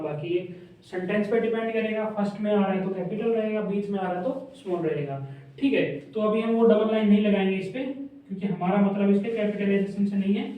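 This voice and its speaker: A man's voice: sits high, narrow, tinny audio. A man teaching a class step by step. He repeats key points and often asks the students whether they have understood. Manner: repetitive, checks understanding with questions. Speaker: shorthand teacher. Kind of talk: classroom lesson explaining step by step. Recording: echoey room, voice from a distance.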